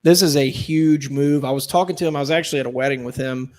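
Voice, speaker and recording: A man hosting a casual sports podcast, upbeat and talking in quick bursts. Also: mid-range voice, a little mellow. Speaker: podcast host.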